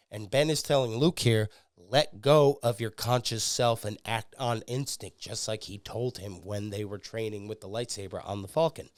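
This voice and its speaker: Excitable man with a smooth voice. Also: lowish voice, dry recording, clean studio sound. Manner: excitable, swearing, frequent fillers. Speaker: podcast host. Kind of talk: casual fan commentary.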